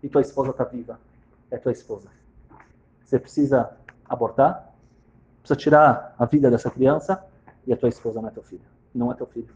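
A man playing a stern rabbi giving a firm ruling in a low voice. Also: steady tone, fairly quick, long pauses, a little mellow, muffled recording, lightly acted.

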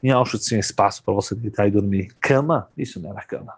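A man telling a dramatic story as a rabbi, swinging between loud cries and hushed tones. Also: lowish voice, fast, background noise.

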